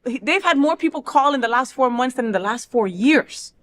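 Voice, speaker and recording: Female talk show host, higher-pitched, informal and emphatic, opinionated chat. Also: lively intonation, moderate pace, fairly bright tone.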